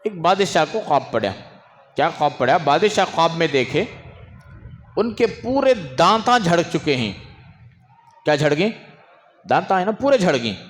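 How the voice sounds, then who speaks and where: A man preaching an Islamic sermon, swinging between raised, emphatic phrases and low asides, and stopping to hush restless children. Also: big pitch swings, unhurried, long pauses. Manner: scolds and hushes children in the audience. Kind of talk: religious sermon. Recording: long hall reverb.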